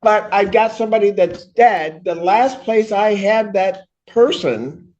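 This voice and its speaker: High-voiced male judge, courtroom recording. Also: measured pace, a little mellow, highs cut off. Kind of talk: questioning counsel at a hearing.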